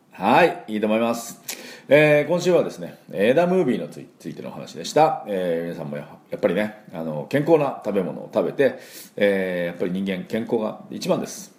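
A Japanese man with a low, gravelly voice teaches English pronunciation. He drills words slowly and repeats them often, with many hesitant fillers. His speech rises and falls in lively swings of pitch. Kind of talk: weekly pronunciation lesson.

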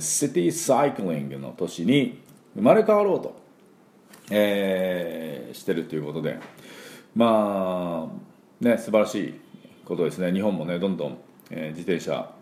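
A middle-aged man with a very low, dark voice teaches pronunciation in a loose, chatty way. His pitch moves a lot as he drags out sample sounds slowly and fills pauses with small filler words. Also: reverberant. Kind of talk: casual spoken lesson.

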